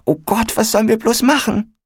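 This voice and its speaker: A man's voice: fairly even intonation, normal speed, mellow, dry recording, studio quality. A man reading aloud and voicing a frightened, whining young girl. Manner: shrill, whiny.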